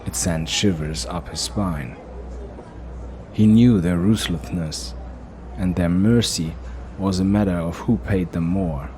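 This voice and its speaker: This is a man with a very deep voice narrating a dark fantasy audio drama, unhurried and deliberate throughout. Underneath, the recording carries a steady hiss.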